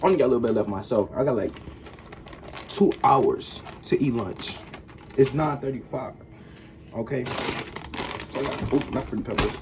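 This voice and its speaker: A man's voice: mid-range voice, moderate pace, long pauses, noisy background. A man vlogging a food challenge in casual, slangy chat, laughing often.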